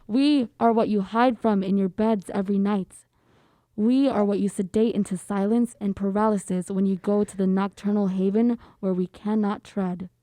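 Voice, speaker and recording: A woman voicing a calm, menacing male test subject, reading a horror story aloud slowly and deliberately. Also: medium pitch, dry recording, lightly acted. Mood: eerie.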